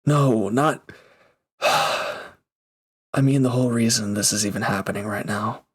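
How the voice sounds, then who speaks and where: A man with a fairly low voice performs a gruff but caring reformed villain in an intimate audio drama, sounding flustered and torn. He speaks earnestly, haltingly, with awkward affection.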